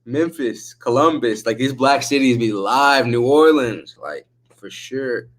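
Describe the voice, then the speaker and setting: Man, laid-back stoner drawl, casual streamer chat, slangy, profane, mid-pitched voice. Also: lively intonation, a little slow. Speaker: livestream host chatting with viewers.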